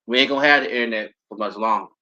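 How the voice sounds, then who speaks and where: A man's voice: mid-range voice, very fast, sharp tone. A man in his thirties hosting an aviation channel livestream, talking casually and rambling with lots of fillers and restarts. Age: 30s. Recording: dull lo-fi stream audio.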